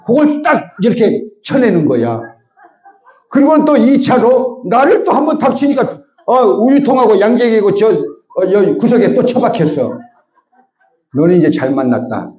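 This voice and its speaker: A middle-aged pastor, telling a childhood story in a sermon and acting out the voices in it. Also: male voice, extremely high pitch, darkish tone. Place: church sanctuary. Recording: echoey, slightly dull church sound.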